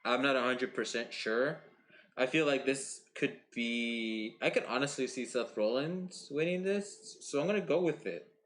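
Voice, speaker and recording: A man's voice: medium pitch, a little slow, a bit bright, slight background noise. A man co-hosting a podcast in casual chat, rambling with lots of "like" and swearing casually. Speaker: podcast co-host.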